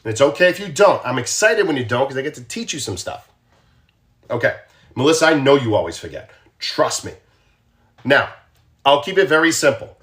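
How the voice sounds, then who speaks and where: A man's voice: mid-range voice, sing-song, brisk, pauses often, a bit bright. A man with a Boston accent, a former police officer, talking casually to viewers on a livestream and often asking them questions. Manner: conversational, asks viewers questions, repeats himself. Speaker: true crime live streamer, former law enforcement.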